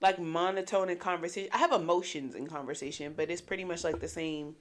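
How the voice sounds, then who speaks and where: A talkative woman co-hosting a podcast in casual, animated chat, with plenty of slang and swearing. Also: lowish voice, quick pace, a little hiss or hum. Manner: animated, amplified on the show. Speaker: podcast co-host.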